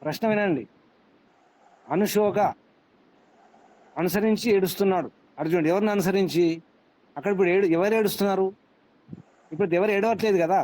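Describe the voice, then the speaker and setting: A man's voice: sits high, fairly quick, long pauses, a little mellow. A man teaching a scripture class, quizzing his students and repeating his points for emphasis. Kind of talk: interactive class lecture.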